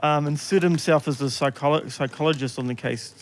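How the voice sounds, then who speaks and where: A man's voice: a little high, fairly quick, slight background noise. Joking laid-back New man. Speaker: podcast host. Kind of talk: casual chat.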